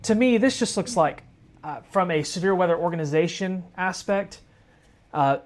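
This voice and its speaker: A man's voice: high-pitched, normal speed, a little hiss or hum. A tired man hosting live weather coverage, chatting casually and calling viewers folks. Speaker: storm-tracking livestream host.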